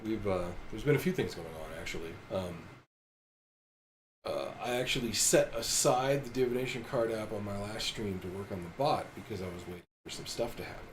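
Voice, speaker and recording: Male co-host, low voice, easygoing explainer, noisy stream recording. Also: animated, a little fast. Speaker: game developer, co-host. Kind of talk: casual chat.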